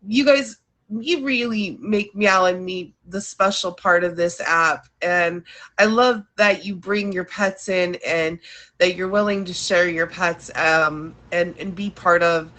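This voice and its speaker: A woman hosts a casual live show in a bright, forward voice. Her nose is blocked, so she sounds congested and nasal. She takes her time as she chats to her audience and thanks them again and again. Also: fairly low pitch, slow pace. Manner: effusively thankful, addresses audience as "you guys". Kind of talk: casual livestream chat to viewers.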